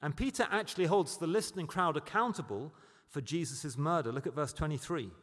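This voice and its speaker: A British man preaching a sermon, building to loud, emphatic peaks on key points. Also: on the high side, fairly quick, long reverb tail. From Britain.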